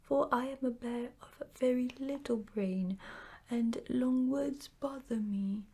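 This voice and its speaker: Woman plays wistful bear of little brain for bedtime storybook: raised pitch, soft breathy tone, hesitant delivery. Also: slow. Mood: puzzled. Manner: hesitant, stammering. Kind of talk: children's bedtime storybook character voice.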